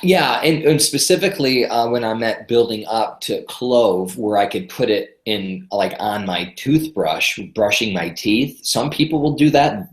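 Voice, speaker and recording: Speaking in a lowish voice, a congested guest health expert from Michigan chats enthusiastically during a podcast interview. The recording is low quality with a roomy sound. His manner is talkative and excited, with repeated words at the starts of sentences.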